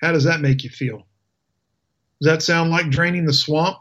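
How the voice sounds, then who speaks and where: A man's voice: on the high side, fairly even intonation, normal speed, a bit bright, highs cut off. A male talk radio host delivering an indignant, sarcastic political rant. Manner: indignant, emphatic ranting with sarcasm.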